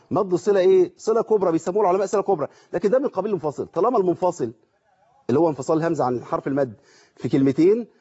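A man's voice: sits high, mellow, husky. A man with an Egyptian accent teaching Quran recitation rules. He keeps asking questions and answering them himself. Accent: Egyptian Arabic. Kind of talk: tajweed lesson with recited examples. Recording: dull lo-fi sound.

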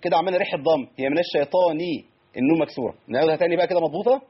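A man with an Egyptian Arabic accent teaching Quran recitation on a radio call-in, patiently correcting callers and slowly demonstrating pronunciation. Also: on the high side, breathy edge. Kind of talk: live radio call-in lesson. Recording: dull lo-fi radio broadcast.

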